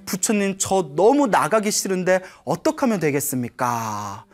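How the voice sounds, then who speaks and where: A woman's voice: fairly low pitch, sing-song, normal speed. A woman doing a humble pleading young monk. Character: dull-witted young monk, earnest and pleading.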